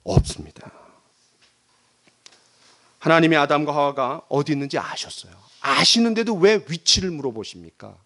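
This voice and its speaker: A man's voice: a little high, sing-song, moderate pace, long pauses, a bit bright. A man preaching a Sunday sermon as pastor, dramatically acting out the voices in the quotes he tells. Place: church sanctuary.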